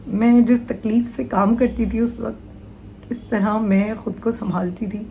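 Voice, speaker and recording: A woman's voice: fairly high pitch, fairly even intonation, creaky, dark tone, slight background noise, rough recording. A woman in her thirties answering viewers' questions in an earnest, emotional vlog from a small room at home. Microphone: camera in front of her. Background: faint household sounds from outside.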